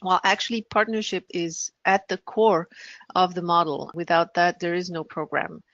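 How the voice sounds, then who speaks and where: A woman from France speaking as an interview guest, explaining things conversationally and thoughtfully, pausing to rephrase. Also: fairly low pitch, steady tone, fairly bright tone, dry recording, highs cut off. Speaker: podcast guest, business founder.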